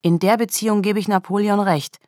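A woman's voice: mid-range voice, fairly even intonation, fairly quick, darkish tone, no room sound, studio quality, pitched above the performer's own voice, close to an everyday voice. A woman reading an audiobook, voicing a blunt, loyal male forensics officer who speaks in a mocking, outspoken way.

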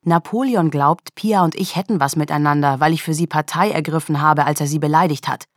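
A woman's voice: low-pitched, brisk, no echo, clean studio sound, lightly acted. A woman reading an audiobook, voicing a blunt, loyal male forensics officer who speaks in a mocking, outspoken way.

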